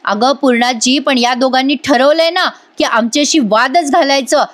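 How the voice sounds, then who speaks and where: A hotheaded younger brother who lashes out in defensive accusations, as a woman voices him. The voice is bright and high, with a quarrelsome tone. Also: moderate pace, lightly acted. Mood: accusing.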